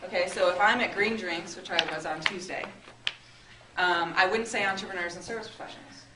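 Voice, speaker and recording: A woman's voice: fairly low pitch, fairly quick. A woman leads a workshop in a chatty, upbeat way, often turning questions to the room. She sounds far from the mic. The room is echoey, and noise runs under her voice. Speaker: marketing workshop presenter. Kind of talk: interactive workshop talk. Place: meeting room with an audience.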